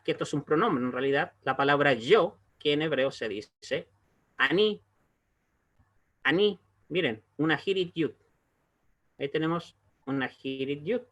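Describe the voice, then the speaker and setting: A Hebrew teacher with a slightly high, somewhat bright voice runs an online language lesson. He explains things slowly and patiently, pausing often to make sure his students are keeping up.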